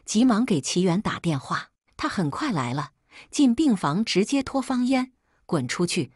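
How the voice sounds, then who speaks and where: A woman narrating a first-person story in an even, unhurried reading. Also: medium pitch, husky, no room sound, studio quality.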